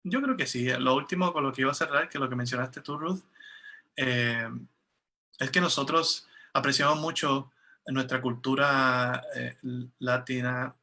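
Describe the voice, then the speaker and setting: Guy voicing an interpreted video chat, bright voice, lots of ums and restarts. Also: mid-range voice, a little slow. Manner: conversational, with frequent fillers and restarts. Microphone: video call.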